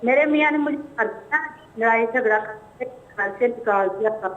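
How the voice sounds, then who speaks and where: A woman caller speaking haltingly and plaintively over a phone line that keeps breaking up and cutting out. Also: on the high side. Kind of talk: phone call to an advice show.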